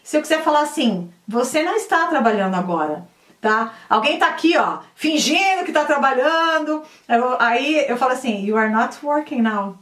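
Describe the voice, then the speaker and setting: High-voiced woman teaching in an echoey room. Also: expressive, a bit bright. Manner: chatty, repeats drills slowly. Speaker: English teacher. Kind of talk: casual online lesson. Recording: echoey room, mic at a distance.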